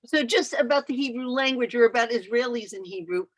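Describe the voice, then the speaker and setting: A woman in the audience asks questions over a video call. Her voice is fairly high for a woman. She stumbles and repeats words as she feels her way. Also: fast. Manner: hesitant, stumbling. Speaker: audience member. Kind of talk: asking questions.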